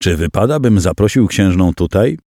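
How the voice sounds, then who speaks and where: A stern medieval churchman giving firm orders, played by a man reading an audiobook. His deep voice swings with lively emphasis, recorded close and dry. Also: moderate pace, no echo. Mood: commanding. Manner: commanding, firm. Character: middle-aged male bishop-nominee, stern and commanding.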